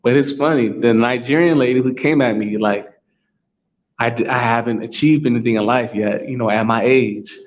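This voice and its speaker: In a solo monologue, this American host speaks at normal speed in a medium-pitched voice, driving his points home emphatically and repeating them again and again. The audio is somewhat dull and lo-fi, with faint hum behind him.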